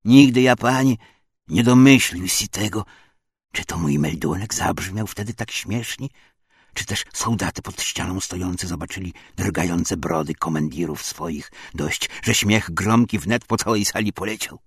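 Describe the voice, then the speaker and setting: A man's voice: low-pitched, unhurried, husky, no echo, clean studio sound. A man narrating a first-person story in folksy, old-fashioned rustic speech, often turning to address the listener directly.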